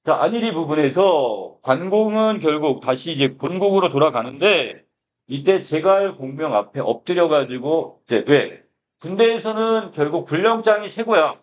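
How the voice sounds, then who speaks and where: A man's voice: on the high side, lively intonation, normal speed, muffled recording. Man lecturing, asking rhetorical questions. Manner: reads the text aloud, then explains it in plain words with rhetorical questions. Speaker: Korean literature teacher. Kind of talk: lecture explaining a classical pansori text.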